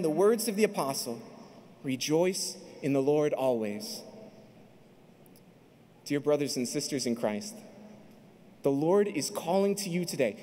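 A man's voice: high-pitched, darkish tone. A man in his thirties, a priest delivering a fervent sermon at a pulpit mic in a large arena. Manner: fervent, building to emphatic peaks. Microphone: stand mic at pulpit. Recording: long arena reverb.

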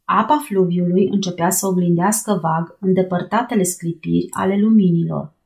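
A woman reading a novel aloud as an audiobook narrator, raising her voice for the sailors' shouts. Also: lowish voice, fairly even intonation, gravelly.

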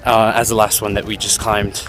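A travel editor narrating a vlog outdoors at ancient ruins, chatty with many fillers, recording on a handheld camera. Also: male voice, on the low side, flat delivery, a little fast. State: out of breath while climbing. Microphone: handheld camera while climbing. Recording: outdoor crowd noise behind.

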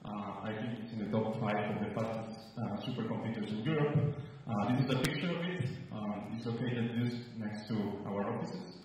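A man's voice: lowish voice, a little mellow, a little hiss or hum. Man talking in an echoey hall. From Nicaragua. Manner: halting, many uh and um fillers. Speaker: researcher giving a conference talk. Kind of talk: conference presentation. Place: large room at a conference. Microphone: handheld mic. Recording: roomy hall sound from a distant mic.

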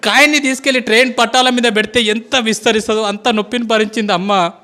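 A man speaks as a teacher giving a motivational speech to students. His voice is very high, bright and forceful. He talks fast and pleads with his listeners. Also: steady tone. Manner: impassioned, pleading, calls listeners "boss". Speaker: school teacher.

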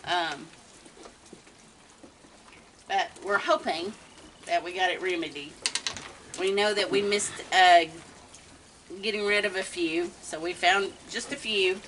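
Her voice fairly low and her intonation fairly even, a woman in her fifties chats casually as she feeds raccoons on a wooden deck outdoors at night for a wildlife feeding livestream. Her storytelling is slow and halting, full of ums and pauses, interrupted by soft coos and greetings to the animals. Recorded by a fixed camera a few meters away, she sounds distant amid clear background noise.

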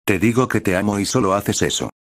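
A fiery, lovestruck teenage girl ninja, read out by a man in a fan story. The voice stays deep and dry. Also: a little fast, no room sound. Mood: upset. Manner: shouting, insistent.

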